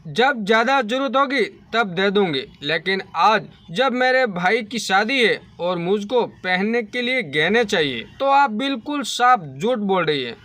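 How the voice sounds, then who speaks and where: Indignant young daughter-in-law, pleading, read by a man, high and bright. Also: lively intonation, a little slow, heavily acted. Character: young married woman, wronged daughter-in-law.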